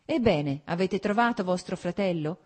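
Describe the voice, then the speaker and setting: A woman's voice: fairly low pitch, lively intonation, moderate pace, a little mellow. A woman reading an audiobook voices an elderly countess, a fond and chatty mother who gushes and slips French phrases into her talk. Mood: warm, fussing. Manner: gushing, affectionate, drops French phrases.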